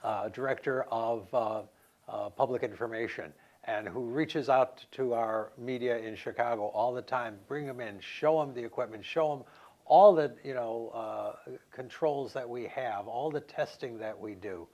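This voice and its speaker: Halting male election official. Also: medium pitch, darkish tone. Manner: halting, repeats words. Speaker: election commissioner. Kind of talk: panel discussion answer. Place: conference hall.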